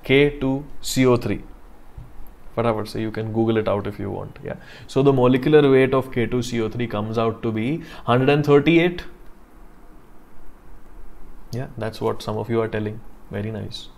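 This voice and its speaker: North Indian man teaching, deliberate and repetitive. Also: mid-range voice, vocal fry, a little mellow. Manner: deliberate, repetitive, checks understanding with questions. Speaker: chemistry teacher. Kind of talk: live online lecture, explaining step by step.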